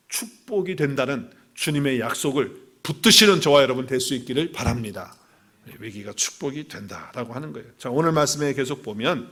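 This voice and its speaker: A male pastor giving an animated Sunday sermon, asking his listeners questions and acting out the voices he quotes. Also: mid-range voice. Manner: animated preaching, acts out quoted voices, asks the congregation questions.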